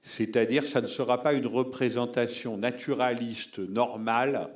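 A man's voice: medium pitch, steady tone, measured pace. A man giving a public talk on film, answering audience members in an explanatory, emphatic way and addressing listeners directly.

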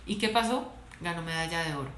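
A woman, a sports doctor and coach talking in a casual interview, lively and playful, laughing often as she tells stories. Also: fairly low pitch, fast. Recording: echoey room, faint background noise.

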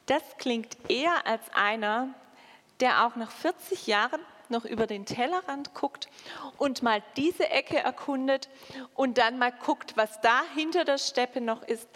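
A woman preaching a sermon and reading scripture in a slow, measured way with dramatic pauses. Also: a little high, a bit bright. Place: church. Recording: long church reverb.

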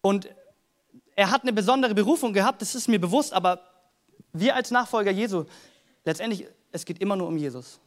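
High-voiced man preaching a casual sermon. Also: a little fast, long pauses. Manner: earnest, conversational preaching with Bible readings. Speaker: pastor.

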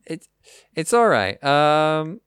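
Lively, rambling male podcast host. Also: on the high side, slow pace, smooth, no echo, clean studio sound. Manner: rambling, filler-heavy, enthusiastic. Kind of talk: casual chat.

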